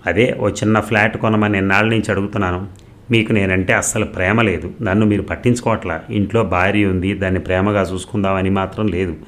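A man voicing a selfish, nagging young wife who scolds loudly and complains. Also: steady tone, fast talker. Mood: complaining. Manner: loud, shrill and complaining.

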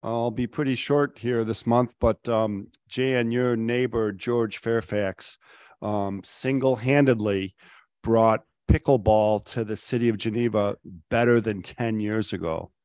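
A man's voice: fairly low pitch, steady tone, a little slow, a little mellow, no room sound. Middle-aged man, councilor, rambling report with many ums, dry close mic. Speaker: city councilor. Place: city council chamber. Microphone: table microphone.

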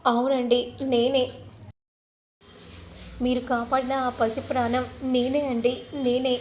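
A woman's voice: high voice, little pitch movement, slow pace, a little mellow, slight background noise. Woman voicing an earnest young woman in love. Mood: earnest pleading. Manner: pleading, earnest. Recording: roomy, slightly dull recording.

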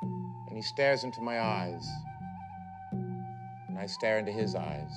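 A man's voice: fairly low pitch, huge pitch swings, takes it slowly, loud music behind the voice. A man giving rambling, neurotic first-person comic narration in a mockumentary. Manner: neurotic, self-absorbed, rambling.

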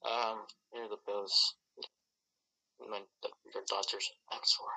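A woman voicing a calm, low-voiced man who looks after a friend in a Minecraft role-play, speaking softly and hesitantly. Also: slow, exaggerated voice, low-quality recording.

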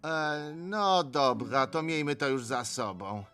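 An actor dubbing a grumpy middle-aged male supervillain in an animated film, speaking in a gruff, exasperated, sarcastic way. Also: fairly high pitch, takes it slowly, soft background music, exaggerated voice. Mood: grumbling. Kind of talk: animated film dub acting.

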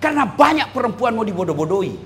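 A middle-aged man preaching a humorous sermon with a Makassarese Indonesian accent, teasing and animated, rising to shouts. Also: high-pitched, fast talker, a little hiss or hum. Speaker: Islamic preacher.

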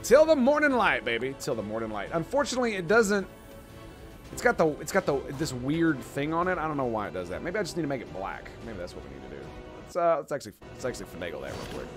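A man's voice: mid-range voice, very animated, fast talker, soft background music. A man casually commentating his strategy game on a live stream, swearing and groaning at his own mistakes.

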